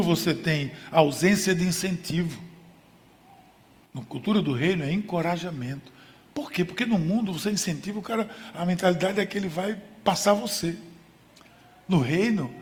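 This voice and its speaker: A man preaching a sermon with emphasis, using contrasts and rhetorical questions. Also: on the high side. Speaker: pastor. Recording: long hall reverb.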